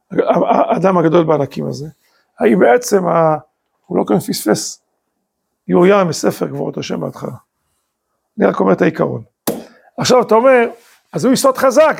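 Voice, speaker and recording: A man's voice: high-pitched, vocal fry, husky. A man, a rabbi, teaching a Torah class, full of rhetorical questions and emphatic rising bursts. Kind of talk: lively Torah lecture.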